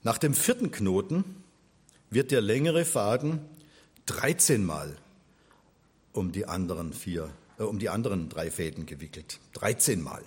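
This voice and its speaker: Slow, husky man teaching. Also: fairly low pitch, expressive. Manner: patient, spells things out step by step. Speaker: religion teacher. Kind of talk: explanatory lecture.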